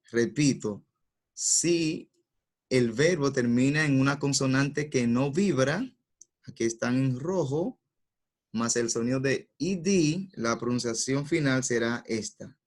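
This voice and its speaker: A male teacher giving a pronunciation lesson at a calm, slow pace, with a mid-range voice. He repeats each sound twice, slowly and deliberately, and walks through every rule patiently. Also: medium pitch. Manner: patient, explains step by step.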